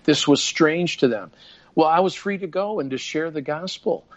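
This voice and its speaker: A man's voice: a little high, moderate pace. An older man talking in an earnest, preacherly way in a casual podcast conversation, often restarting his sentences. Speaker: guest minister. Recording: dull lo-fi sound.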